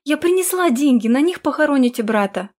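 A woman voicing an earnest young half-elf woman in an audiobook, pleading in high exclamations. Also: fairly quick, husky.

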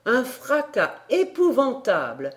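A woman narrating a classic tale as an audiobook, in a measured, expressive storytelling manner. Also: a little high.

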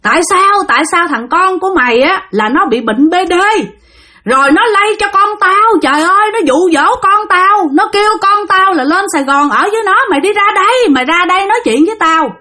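Enraged older father yelling accusations, high strained voice, woman storyteller putting it on. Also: animated, fairly quick, exaggerated voice. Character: furious older village father, shouting and cursing.

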